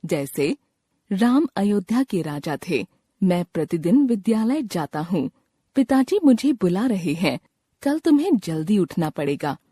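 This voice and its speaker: A woman reading a Hindi grammar lesson in a slow, clear, teacherly way. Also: mid-range voice, sing-song, mellow, no room sound. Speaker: textbook narrator. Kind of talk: scripted lesson narration. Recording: dry close studio recording.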